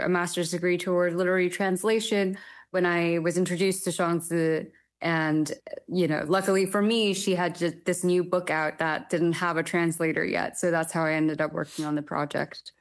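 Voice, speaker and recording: A young woman from Taiwan talks about her translation work in an interview, in a fairly low voice. She answers thoughtfully and often pauses with hesitant fillers. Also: steady tone. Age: young adult. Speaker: literary translator.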